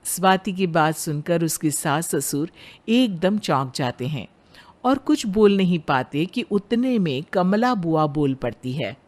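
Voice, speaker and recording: A woman's voice: on the low side, lively intonation, a little slow. A woman narrator reading a scripted story in the third person.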